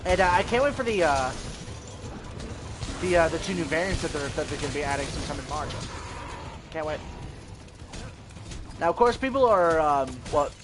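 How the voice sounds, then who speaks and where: A man talks through his game in a loose, rambling way, his voice sitting a bit high. He swears readily when the play goes badly. Loud game sounds run underneath the whole time. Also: animated, moderate pace, pauses often, background noise. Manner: profane, easily frustrated, rambling with restarts. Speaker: gamer commentating his play. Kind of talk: casual gameplay commentary. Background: video game sounds.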